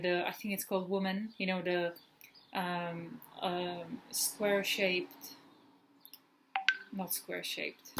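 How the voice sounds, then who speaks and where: Speaking in a lowish voice over slight background noise, a Czech perfume vlogger in her thirties reviews fragrances in a loose, rambling chat full of fillers and restarted sentences.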